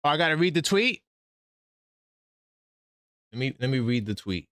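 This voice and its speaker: A man hosting a live sports call-in stream, talking excitedly and breaking in with news for his viewers. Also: mid-range voice, normal speed, clean tone, no room sound. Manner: animated, breaks in with updates, talks straight to viewers. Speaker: host of a sports call-in livestream.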